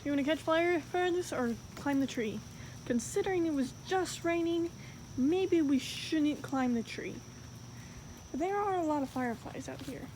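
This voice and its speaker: With a high-pitched but darkish-toned voice at a normal speed, a woman rambles and giggles through a chatty vlog shot in her backyard and then indoors. The homemade recording is noisy.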